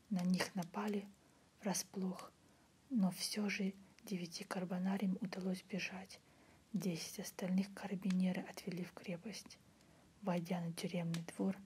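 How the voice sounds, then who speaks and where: A woman reads a literary story in a breathy, unvoiced ASMR whisper, softly and in a measured way. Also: fairly low pitch. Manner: soft, measured literary reading. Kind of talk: whispered ASMR audiobook narration. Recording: faint background noise.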